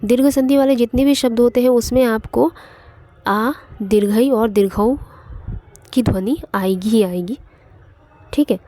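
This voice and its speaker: A woman's voice: on the high side, moderate pace, mellow. A woman teaching an online exam-prep grammar lesson, explaining step by step and repeating points with frequent fillers.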